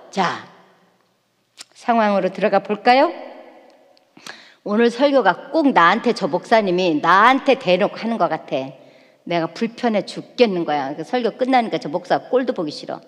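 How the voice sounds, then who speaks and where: A woman speaking at a church seminar, her mid-pitched voice carrying a long hall reverb across the sanctuary. She teaches warmly and animatedly, slipping into the voices of quarreling and comforting spouses as she goes. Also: moderate pace. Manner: lively, acts out spouses' lines in quoted voices. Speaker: seminar speaker on relationship psychology.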